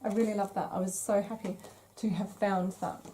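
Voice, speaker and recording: A woman speaks in a flat, fairly quick, medium-pitched voice with a dark tone, slight background noise around her. Hosting a craft podcast, she gushes enthusiastically and chats casually while showing off craft magazines among her finds.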